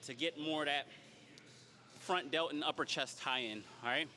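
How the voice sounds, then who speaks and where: A man coaching in a gym, explaining training in a relaxed way and often checking in with "right?". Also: fairly high pitch, moderate pace. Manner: explanatory, keeps tagging "right?". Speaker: personal trainer. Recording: faint background music.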